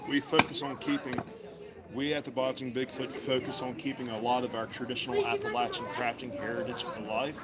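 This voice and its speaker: With a medium-pitched voice and a flat, slightly fast delivery, a man carves wood at a vendor table in an indoor mall. He's from Virginia and chats folksily and warmly with passing customers while a busy crowd chatters around the table.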